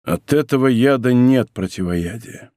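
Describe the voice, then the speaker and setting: A man voicing a grave, restrained nobleman in an audiobook, speaking slowly, low and heavily. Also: expressive, warm tone, dry recording, clean studio sound, lightly acted. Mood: grim. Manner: slow, low, heavy deliberate speech. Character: grave older nobleman, stern, grim, restrained. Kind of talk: audiobook role reading.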